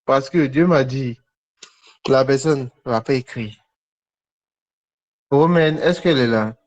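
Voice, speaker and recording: A preacher hosting a live online prophetic session speaks at medium pitch in a conversational, charismatic way, addressing viewers directly. He repeats short phrases for emphasis, pausing between them, and the livestream audio is dull and lo-fi.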